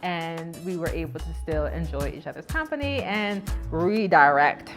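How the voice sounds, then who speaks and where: A woman's voice: lowish voice, lively intonation, moderate pace, music in the background. A woman with an American accent chatting casually with her partner, giggly, earnest and emotional. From United States. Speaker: partner in a long-distance couple. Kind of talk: casual chat.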